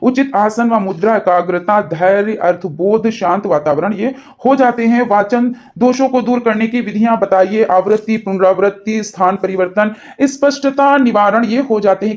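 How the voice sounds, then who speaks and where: A man's voice: high-pitched, darkish tone. A man teaching an exam-prep lesson, explaining answers step by step, checking in with his students and correcting himself as he goes. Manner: self-corrects mid-answer.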